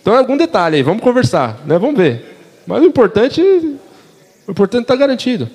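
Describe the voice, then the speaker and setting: A man's voice: very high voice, big pitch swings, brisk, darkish tone, slightly rough, in a large hall. A young man with a Brazilian Portuguese accent preaching a casual sermon, chatting with the congregation, slangy and asking them questions. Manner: conversational, slangy, asks the audience questions. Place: church hall.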